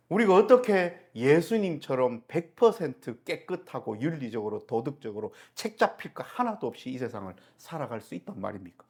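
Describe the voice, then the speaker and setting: A man's voice: on the high side, husky. A middle-aged male pastor preaching a Sunday sermon, asking the congregation rhetorical questions and answering them himself.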